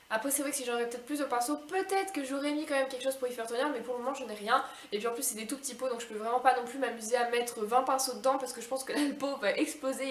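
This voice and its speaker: A woman's voice: a little high, a little hiss or hum. A woman chatting casually to her viewers at the end of her craft vlog, rambling with fillers. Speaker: DIY craft vlogger. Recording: echoey room.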